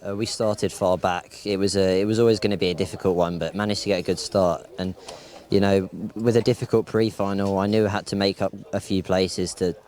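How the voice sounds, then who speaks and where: A young man calmly talking through his kart race in a post-race interview. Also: deep voice. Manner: calm, measured race recap. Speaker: third-placed driver.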